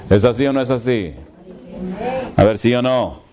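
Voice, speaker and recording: A man's voice: medium pitch, moderate pace, a crowd in the background. A male preacher telling stories in a sermon and firing rhetorical questions at his congregation.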